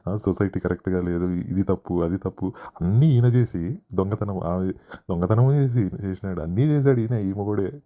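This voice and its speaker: A man's voice: sits low, warm tone. A man giving sarcastic, mocking commentary in a show review, often mimicking the people he talks about. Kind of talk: casual commentary.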